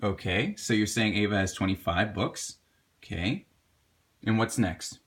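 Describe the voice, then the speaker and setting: A man teaching a homework help lesson, patiently walking viewers through a math problem and encouraging them to pause and work along. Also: lowish voice, fairly bright tone.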